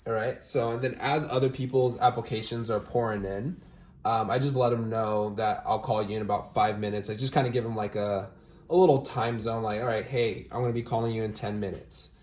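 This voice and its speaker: A young man recruiting for a sales team casually walks viewers through callbacks on a screen share, then moves into a phone interview, upbeat and peppered with "all right?" and fillers. His voice is lowish and darkish, his intonation fairly even, and he talks fairly quickly. The room gives a noticeable echo.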